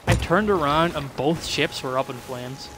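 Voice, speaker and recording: Man, live game commentary, chatty, thinking aloud, ocean and ship sounds clearly behind. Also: a little high, moderate pace, background noise. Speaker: streamer.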